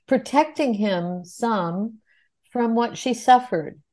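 A woman's voice: fairly high pitch, slow pace, a little mellow. A woman interviewer asking thoughtful, articulate questions in long, flowing sentences.

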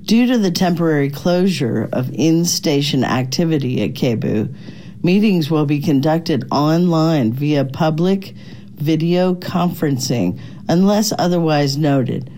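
A woman announcer reading a scripted station notice in an even, formal manner. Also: deep voice, measured pace.

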